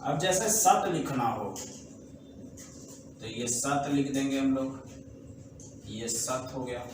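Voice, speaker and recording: A man teaching a shorthand class in Hindi, explaining rules slowly and checking whether the students have understood. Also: medium pitch, animated. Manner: slow, repetitive explaining, asks the class checking questions. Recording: echoey room, voice from far off, faint background noise.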